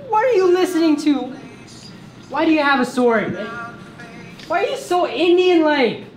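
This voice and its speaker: A man's voice: extremely high pitch, expressive, measured pace, crowd noise. A young man playing a flustered, exasperated guy who stammers and gets fed up. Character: flustered young man pushed too far. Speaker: flustered actor in an improvised film. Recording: noisy background.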